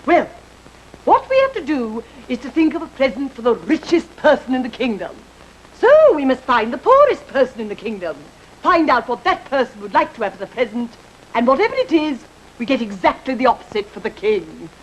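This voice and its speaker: Scheming snooty stepmom, high swoopy voice, fake sweet, comic fairy tale tv. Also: female voice, very animated, a little fast, slight background noise, poor audio. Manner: theatrical, condescending, falsely sweet.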